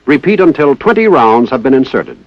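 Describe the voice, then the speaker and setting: A very animated American man with a mid-range voice reads a little fast, giving formal, methodical instructional narration reminiscent of a 1960s military training film. He enunciates with precision. The recording has no echo and sounds like a dull lo-fi 1960s film soundtrack.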